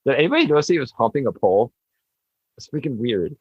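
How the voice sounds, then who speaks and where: Rambling deadpan man, dull lo-fi mic. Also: medium pitch, fast talker, husky, no room sound. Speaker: podcast co-host. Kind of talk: casual comedic chat.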